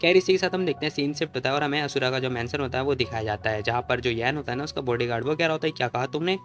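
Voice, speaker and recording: A man narrating a comic story recap in a rapid, chatty retelling. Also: medium pitch, fairly bright tone, faint music behind.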